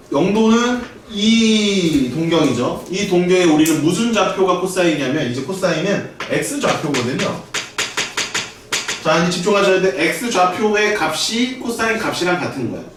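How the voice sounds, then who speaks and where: A man teaching a math class with a bouncy, animated delivery, a little higher-pitched than most men. He is heard from across an echoey classroom, with steady noise underneath. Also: far from the mic. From Korea. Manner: lively, drills students with call-and-response. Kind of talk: classroom lecture. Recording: echoey room recorded from afar, noisy.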